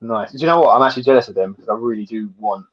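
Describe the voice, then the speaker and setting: A man's voice: mid-range voice, racing, dull audio. A man, a guest on a live toy podcast stream, chatting casually and laughing easily.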